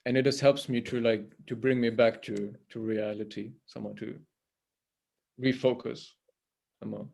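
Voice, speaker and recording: A man's voice: mid-range voice, fairly even intonation, normal speed, vocal fry, a little mellow. A man giving an informal spiritual talk over a video call. He hesitates, repeats words and keeps checking in with "right?". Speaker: temple priest and guest speaker.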